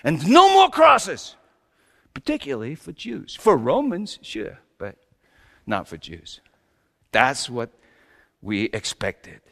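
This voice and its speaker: Male performer as wry, exasperated old-world carpenter, comic stage monologue, unhurried and very animated, big reverberant hall. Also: medium pitch, vocal fry, heavily acted. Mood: wry, resigned. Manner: theatrical, swinging between hushed asides and shouted exclamations. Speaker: storyteller preaching in character. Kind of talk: comic dramatic monologue to a congregation.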